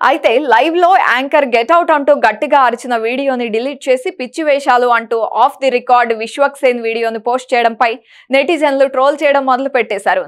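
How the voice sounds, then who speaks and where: A woman presenting entertainment news, reading a script in a brisk, even manner. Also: high voice.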